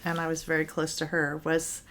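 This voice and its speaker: A middle-aged woman from Indiana, a podcast guest giving soft, brief, agreeable answers. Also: low voice, completely flat delivery, fairly quick. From Indiana, USA. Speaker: guest, host's mother. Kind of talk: casual interview chat.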